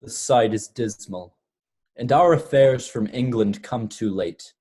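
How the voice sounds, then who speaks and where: A man performs a grave foreign ambassador in Shakespearean tragedy. The voice is soft-edged and rough, the delivery formal. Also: mid-range voice, a little slow. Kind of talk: Shakespearean stage acting.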